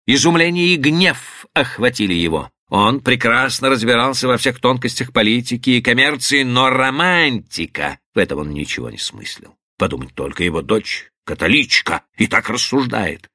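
A man narrating a novel as an audiobook in an expressive literary reading. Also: medium pitch, dry recording, clean studio sound.

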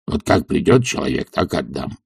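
A man doing a hoarse old servant, surly, stubborn, low muttering voice, half-whispered, mellow tone, dry close sound. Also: big pitch swings, normal speed, dry recording, exaggerated voice. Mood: sullen.

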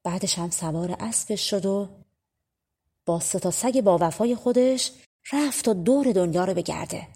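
A woman reading an audiobook of folk tales, narrating in a relaxed, conversational storytelling way. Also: mid-range voice, slightly rough. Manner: conversational, spoken-style telling. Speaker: audiobook reader.

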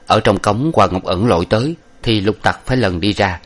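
A man reading an old novel aloud in a measured, steady way. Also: on the low side. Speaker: narrator.

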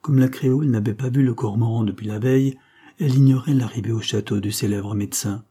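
Man reading an old novel out loud, dark husky voice. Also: medium pitch, fairly even intonation, quick pace. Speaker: audiobook narrator. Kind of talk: scripted narration.

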